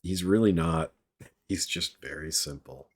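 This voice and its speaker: Low-voiced, husky male streamer reading aloud. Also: unhurried. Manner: relaxed, chatty asides to viewers. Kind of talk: live-stream book reading with casual asides.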